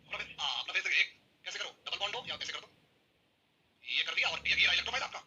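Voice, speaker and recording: Fast, bright-voiced male chemistry teacher. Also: high-pitched, slightly rough. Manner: energetic, keeps prodding students to answer. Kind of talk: classroom lecture.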